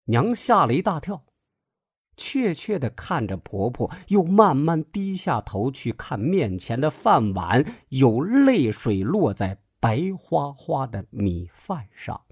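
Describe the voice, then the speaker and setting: A man narrates a story slowly and with feeling, his husky voice rising and falling in a lively way. The recording is dry and close, with faint music playing underneath. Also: mid-range voice, no echo. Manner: measured, expressive storytelling. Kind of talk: scripted narration.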